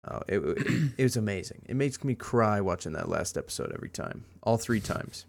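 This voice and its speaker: Male podcast co-host, slightly low voice, rambling enthusiastic casual chat. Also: animated, a little fast, vocal fry. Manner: rambling, enthusiastic, many fillers.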